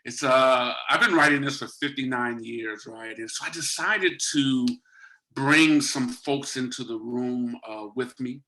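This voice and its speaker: Bright-voiced man in his fifties, halting. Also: medium pitch, rough recording. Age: 50s. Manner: halting, many fillers, earnest. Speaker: guest speaker and author. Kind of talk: informal talk to an online audience. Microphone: video call.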